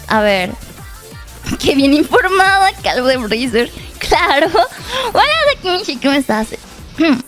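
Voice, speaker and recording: A young female streamer with a fairly high voice gives casual gameplay commentary. She laughs a lot, yells at the game, and reads pickup lines out loud.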